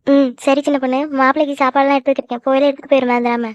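A woman voicing a tender, emotional middle-aged mother in a cartoon, talking quickly and fondly. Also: high voice, flat delivery, no echo, natural voice. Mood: tearful. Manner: affectionate, quick, tearful at times. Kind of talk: cartoon voice acting. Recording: dry, dull lo-fi recording.

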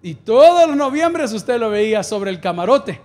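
A male pastor preaching a sermon from the stage of a large church, building to emphatic peaks and firing off quick lists. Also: sits high, sing-song, a little mellow. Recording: long hall reverb.

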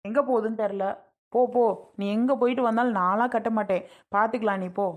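A woman's voice: on the high side, steady tone, quick pace, a little mellow, lightly acted. A woman playing a stubborn young woman who argues back and refuses to marry. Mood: defiant. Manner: defiant, arguing back. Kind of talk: family skit acting.

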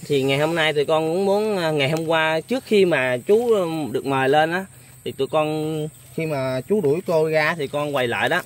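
A man's voice: on the high side, moderate pace. A young man hosting a casual interview, speaking politely with many hesitant fillers. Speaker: vlogger host.

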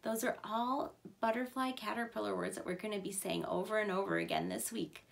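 A woman in her thirties, a preschool teacher, reads aloud to young children using simple, clearly emphasized words. Her voice is medium-pitched, animated and brisk.

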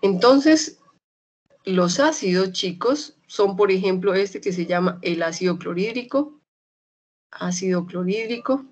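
A young adult woman with a Medellín Colombian accent gives an online chemistry lesson. She talks in a lively, chatty way and often checks that her students follow. When a key term comes up, she slows down and says it several times. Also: medium pitch, slightly rough. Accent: Colombian Spanish, Medellín. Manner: spells out terms slowly and repeats them. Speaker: chemistry teacher. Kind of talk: online class lecture.

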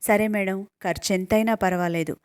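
A woman's voice: mid-range voice, fairly even intonation, moderate pace, clear, resonant tone, lightly acted. A woman reads out an anxious young son with a lilt, pleading and worried in a storybook telling. The voice stays level and close, in a dry room with no echo. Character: young village man, anxious son of a sick father.

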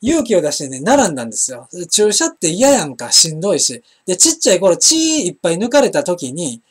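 Chatty Osaka-accented man with lively pitch. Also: fairly quick, husky. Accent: Kansai (Osaka). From Osaka, Japan. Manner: chatty, rambling, frequent fillers and restarts. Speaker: internet broadcast host. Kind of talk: casual solo live-stream chat, reading viewer comments.

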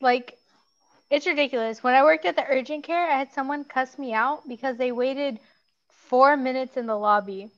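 High-voiced woman, slightly dull sound. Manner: brisk storyteller, acts out quotes. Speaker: podcast guest. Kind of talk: casual chat.

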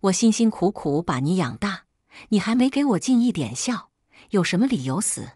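A woman's voice: mid-range voice, very animated, normal speed, warm tone, husky, no echo, studio quality. A woman voicing a domineering, hot-tempered middle-aged mother who scolds shrilly in a raised voice. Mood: furious scolding.

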